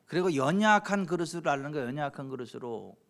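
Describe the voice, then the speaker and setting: A middle-aged Korean pastor preaching to his congregation, his fairly high voice leaping up and down with lively animation. He drops to soft asides, then climbs to loud calls, chuckling at his own stories and questioning the people in front of him. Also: quick pace. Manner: swings from quiet asides to loud exhortations; addresses the congregation directly with questions. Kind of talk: sermon. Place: church sanctuary at a late-night service.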